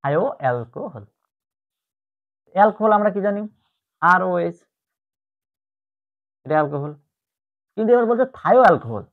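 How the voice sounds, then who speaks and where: A man's voice: sits high, sing-song, moderate pace, long pauses. A man teaching chemistry in an online lecture, explaining step by step and repeating the key terms. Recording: tinny phone-like audio.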